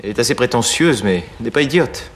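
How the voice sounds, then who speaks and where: A man's voice: mid-range voice, animated, fairly quick, close to an everyday voice. A man acting an ambitious young male secretary in a period film drama, earnest and heated when he argues. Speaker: young secretary Julien Sorel.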